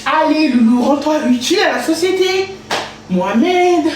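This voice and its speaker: Playful high-voiced woman livestreaming. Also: animated, unhurried. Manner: playful, sings and chants to herself. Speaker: livestream host. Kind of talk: casual livestream chat while cooking. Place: home kitchen. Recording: echoey room with noise.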